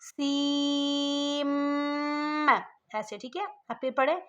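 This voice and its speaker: A woman's voice: fairly high pitch, steady tone, normal speed, pushed and bright. A woman teaching Quran reading online, explaining letters patiently and drawing out the sounds to demonstrate. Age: middle-aged. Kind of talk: slow step-by-step recitation lesson.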